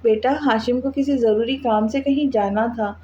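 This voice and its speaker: A woman's voice: fairly high pitch, steady tone, moderate pace, dull audio, slight background noise, lightly acted. Woman reading a soothing, tender father. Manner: gentle, coaxing.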